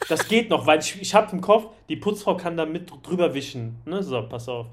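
A man co-hosting a podcast, chatting casually, agreeable and animated when retelling stories. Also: fairly high pitch, brisk, background noise. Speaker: podcast co-host.

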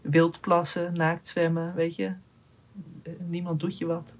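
A woman's voice: on the low side, completely flat delivery, unhurried. Hesitant young woman telling a story. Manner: hesitant, many fillers and restarts. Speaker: guest telling a solo hiking story. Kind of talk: reflective storytelling.

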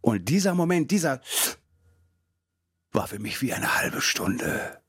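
Animated, husky-voiced man telling a story. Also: slow, no echo, clean studio sound. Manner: animated storyteller, jumps pitch and acts out voices; mixes in Spanish words. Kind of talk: casual chat.

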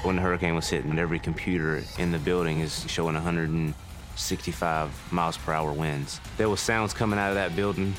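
A man's voice: low-pitched, steady tone, a little fast, a bit bright. A man in military service recounting his experience in a documentary interview. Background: music.

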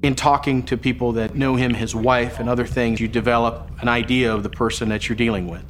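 A man's voice: medium pitch, fairly even intonation, fairly quick, music in the background. A man speaking as an investigator, recounting a case in a documentary interview.

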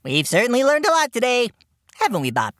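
A man voicing a silly, eager male cucumber sidekick who talks in a goofy, excitable way, in a cartoon audio play. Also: very high voice, a little fast, no echo, clean studio sound, full character voice. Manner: goofy, excitable, rattles off lists.

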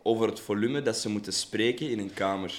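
A young man with a Flemish accent, hosting a casual chat and telling animated stories. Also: lowish voice, brisk, a crowd in the background. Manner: animated storyteller, acts out quotes loudly.

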